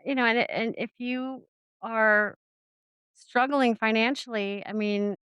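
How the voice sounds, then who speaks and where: A woman's voice: on the high side, fairly even intonation, takes it slowly, fairly bright tone, clean tone, no room sound, muffled recording. A woman co-hosting a casual podcast, rambling with many fillers and restarts and giggling asides. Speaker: podcast co-host. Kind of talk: casual chat.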